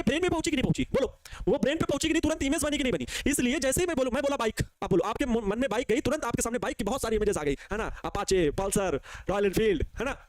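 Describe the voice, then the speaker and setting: A man's voice: very high-pitched, no room sound, studio quality. A male physics teacher with a Bihari Hindi accent giving a live online lecture, answering questions he voices for the students and coaxing them to repeat after him.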